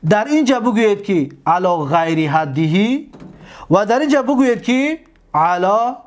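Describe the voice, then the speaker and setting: High-voiced Tajik-accented man teaching grammar. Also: very animated. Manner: draws out example words slowly, repeats points patiently. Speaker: religious seminary teacher. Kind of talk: classroom lesson on Arabic grammar.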